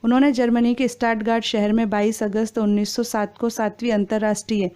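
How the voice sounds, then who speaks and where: A woman reading exam quiz questions and their answers in a steady, formal recitation. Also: on the high side, brisk, clear, resonant tone.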